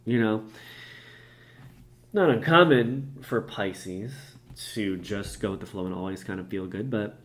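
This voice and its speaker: A man's voice: lowish voice, unhurried, fairly bright tone. A man from Cleveland hosting a playful, chatty, mock-mystical card reading. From Cleveland, USA. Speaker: comedic psychic host. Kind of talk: comedic tarot card reading vlog.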